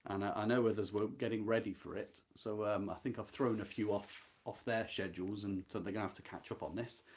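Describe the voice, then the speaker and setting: Fairly quick and steady in tone, a man with a lowish voice hosts an informal live conversation about a classic novel for his book club, earnest, reflective and emphatic. A little hiss or hum runs under the audio.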